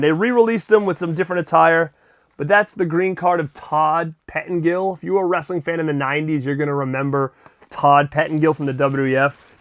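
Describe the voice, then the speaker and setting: Excitable chatty man unboxing his haul. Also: a little high, no echo. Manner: excitable, chatty, swears casually. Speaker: collector vlogger and host. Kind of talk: casual unboxing vlog.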